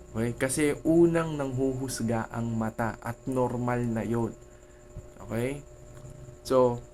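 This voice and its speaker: A man's voice: mid-range voice, a little hiss or hum. A Filipino man with a Filipino accent, a teacher giving an online lecture in a conversational way, often checking in with "okay?" and "no?".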